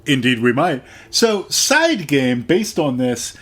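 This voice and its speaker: Man, podcast co-host, slow and wry, lively pitch, casual chat.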